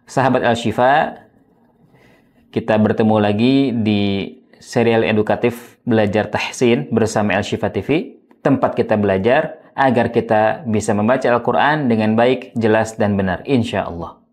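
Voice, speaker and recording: A man's voice: fairly low pitch, normal speed, darkish tone. A man teaching Qur'an recitation in a scripted lesson, over-enunciating with careful articulation of every word and vowel. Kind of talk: scripted instructional lesson with demonstrations.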